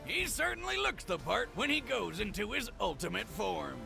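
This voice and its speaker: Guy doing loud-mouth hype co-host, really gravelly, swoopy high voice, music behind. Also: big pitch swings, moderate pace, full character voice. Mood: brash, hyped. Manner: brash, joking, slangy. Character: brash, crude, excitable male action-show co-host. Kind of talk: scripted comic commentary. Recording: voice over background music.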